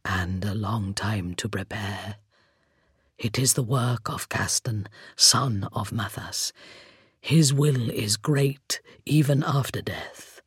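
A narrator voicing a solemn, devoted undead skeletal knight with a hollow, rasping voice and slow, grave, breathy whispers in an audiobook. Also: mid-range voice, dry recording, studio quality, voice pushed down. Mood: grave devotion. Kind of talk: audiobook character voice.

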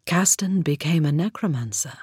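A narrator voicing an ancient, imperious vampire queen with a cool, commanding, measured delivery in an audiobook. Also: medium pitch, expressive, darkish tone, breathy edge, no echo, studio quality. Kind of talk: audiobook character voice.

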